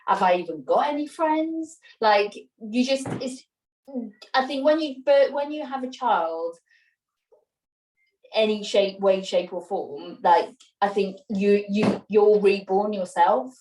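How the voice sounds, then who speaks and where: A Welsh woman in her thirties talks loosely in a casual interview, rambling and restarting her sentences. Her voice sits at a middle pitch. It sounds roomy and slightly distant from the microphone. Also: steady tone, takes it slowly, a little mellow. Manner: chatty, rambling, with many fillers and restarts. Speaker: interview guest, mother. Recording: roomy sound, voice a little off-mic.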